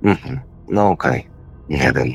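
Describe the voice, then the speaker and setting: A man's voice: rumbling low, lively intonation, slow, husky, faint music behind. A man telling a personal experience in casual, rambling speech, acting out his own quoted words as he goes. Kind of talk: casual spoken storytelling.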